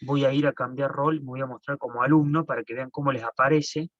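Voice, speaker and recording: A man's voice: medium pitch, fairly even intonation, brisk, fairly bright tone, dry recording. Man, teacher, online class, restarts phrases, dull lo-fi mic. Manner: explanatory, repeats and restarts phrases. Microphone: computer mic on a video call. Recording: dull, dry lo-fi call audio.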